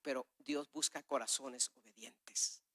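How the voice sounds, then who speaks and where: A man preaching a sermon with a personal testimony, swinging between loud, urgent exhortation and hushed, confessional asides as he acts out conversations. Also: medium pitch, steady tone, a little slow, no room sound, studio quality. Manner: acts out dialogues with God and others.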